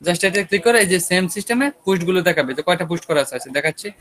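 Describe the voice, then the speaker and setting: A man's voice: high-pitched, expressive, very fast, a bit bright, low-quality recording. A man with a Bangladeshi Bengali accent teaching an online web design class, talking casually and checking in with his students, his throat a bit sore. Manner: casual, talks students through screen steps with checking questions.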